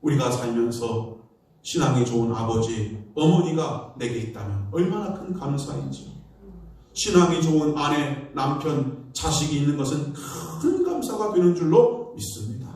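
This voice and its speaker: Korean pastor preaching in an echoey church. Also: male voice, on the high side, animated, moderate pace, darkish tone, recorded from a distance. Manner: storytelling preacher, acts out quoted voices. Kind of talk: Sunday sermon. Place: church sanctuary.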